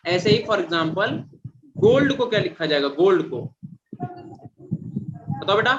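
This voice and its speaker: High-voiced man quizzing a class. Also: expressive, measured pace, background noise. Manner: repeats and quizzes students, calls them "beta". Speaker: teacher. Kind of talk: classroom chemistry lecture. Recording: dull lo-fi classroom recording.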